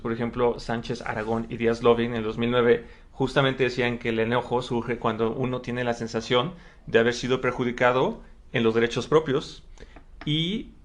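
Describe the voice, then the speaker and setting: A man hosting a psychology podcast, explaining research in a chatty way, with frequent tag questions and repeated words. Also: medium pitch. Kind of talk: casual conversational podcast.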